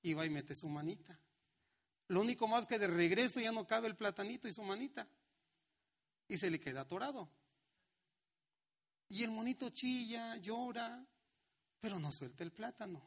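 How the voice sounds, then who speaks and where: A middle-aged man, a pastor preaching a sermon with slow, emphatic lines and acted-out quotes. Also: high voice, animated.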